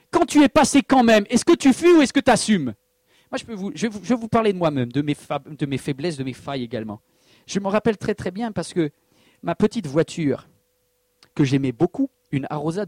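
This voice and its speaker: A man preaching as a pastor, his voice sitting a little high and leaping up and down as he drives home each point. He fires rhetorical questions and tells personal stories with sudden bursts of emphasis. The sound is dry and close. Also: fairly quick, dry recording. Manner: animated preaching with personal anecdotes, rhetorical questions and acted quotes. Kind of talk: sermon.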